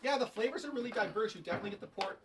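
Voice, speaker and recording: Fast-talking man hosting a beer tasting. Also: high voice, expressive. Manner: quick, chatty, joking. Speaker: beer reviewer host. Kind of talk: casual beer tasting chat. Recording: distant mic with faint noise.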